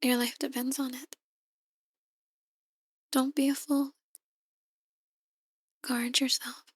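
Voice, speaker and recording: In an ASMR roleplay, an actress plays a seductive, possessive female demon who poses as a tarot reader. Her very high voice stays soft, hushed and breathy, with little pitch movement, and she coaxes slowly, often dropping to a whisper. The heavily acted performance is recorded dry and close.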